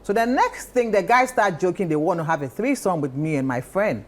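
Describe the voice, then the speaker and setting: A woman on a talk panel, telling stories in a lively, insistent way and repeating her points. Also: on the low side, a little fast. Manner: animated storytelling, repeats phrases. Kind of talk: casual chat.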